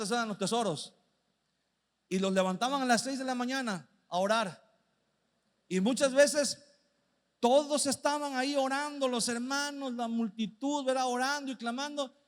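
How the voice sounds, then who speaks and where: Man preaching, very high voice, drawn-out reverb of a church hall, asks rhetorical questions, slows down for the verses. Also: fairly bright tone. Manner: slows right down when reading Bible verses. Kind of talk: sermon.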